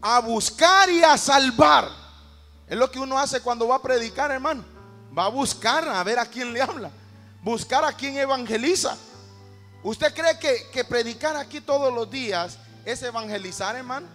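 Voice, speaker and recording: High-voiced preacher in a reverberant church. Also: male voice, moderate pace, fairly bright tone. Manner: impassioned preaching, calls out to the congregation. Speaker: pastor. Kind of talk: sermon. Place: large church auditorium. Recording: reverberant church hall with music.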